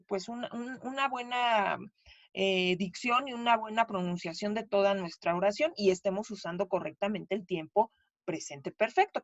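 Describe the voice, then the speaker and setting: A woman's voice: on the high side, dry recording. Chatty woman teacher, muffled dry sound. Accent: Mexican Spanish. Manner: patient, chatty, checks in with "¿sí?" and "¿sale?". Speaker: English teacher. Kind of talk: classroom explanation lesson.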